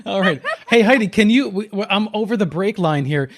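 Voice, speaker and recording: High-voiced man hosting late-night radio. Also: lively intonation, normal speed, noisy background. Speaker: radio host.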